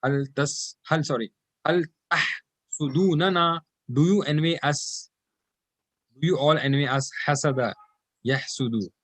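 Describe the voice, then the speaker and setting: A man teaching an online Arabic class, patiently repeating phrases slowly for his students. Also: medium pitch, dry recording.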